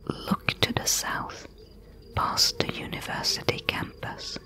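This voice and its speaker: A woman voicing a wry, bossy thief mentor in a breathy, hushed whispered role-play, giving instructions. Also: takes it slowly. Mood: hushed, businesslike.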